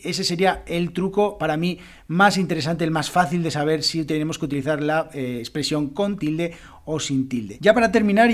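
A man hosting a podcast who explains Spanish grammar in a patient, clear teaching manner and repeats examples aloud. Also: fairly high pitch.

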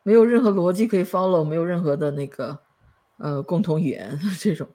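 A woman's voice: fairly low pitch, fairly quick, warm tone. A woman hosting a podcast in casual chat, chatty and laughing often. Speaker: podcast host.

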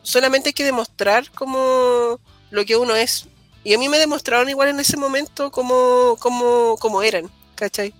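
A woman's voice: fairly high pitch, normal speed, dry recording, soft background music. A young woman with a Chilean accent, co-hosting a podcast in casual chat, rambling through restarts and local slang. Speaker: podcast co-host.

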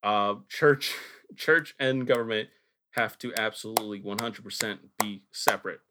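A man's voice: on the low side, steady tone, normal speed, noisy background. A young man hosting a podcast, rambling casually and laughing often between his points. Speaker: podcast host.

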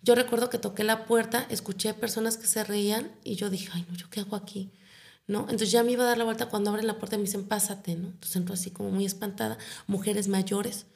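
A woman's voice: mid-range voice, level tone, fast, creaky, hardly any pauses. A middle-aged Mexican woman, a foundation founder, telling her personal story in an interview and ending nearly every phrase with a tag question.

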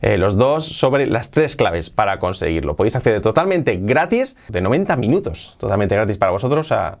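A man from Spain teaching English pronunciation, who repeats words and sounds slowly many times and exaggerates intonation to show it. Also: mid-range voice. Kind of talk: language lesson.

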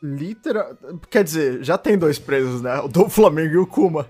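A man's voice: on the high side, moderate pace, husky, faint music behind. A man co-hosting a podcast, steering the casual chat and laughing often. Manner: lively, laughs often, leads the topic. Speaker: podcast co-host. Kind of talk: casual chat about anime.

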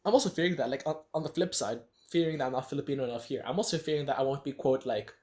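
A man's voice: medium pitch, very fast, a little mellow. A young man in his late teens co-hosting a casual podcast chat, rambling with lots of fillers and restarts. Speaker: podcast co-host. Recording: roomy echo.

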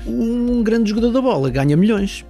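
Lively, mellow Portuguese man hosting. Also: high voice, moderate pace, faint music behind. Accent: European Portuguese. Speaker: podcast host and interviewer. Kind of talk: scripted narration and interview questions.

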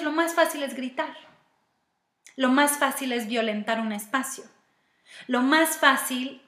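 A woman's voice: high voice, fairly bright tone. A woman with a Mexican Spanish accent giving a reflective self-help talk, walking through steps and asking herself questions aloud. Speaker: speaker giving personal-growth advice. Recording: roomy echo.

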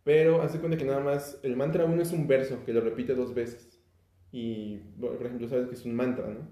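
This young Mexican man's voice is medium-pitched, steady and dark, and he speaks a little fast. In a relaxed podcast chat about an album, he stumbles through fillers and restarts, recorded in a room with echo.

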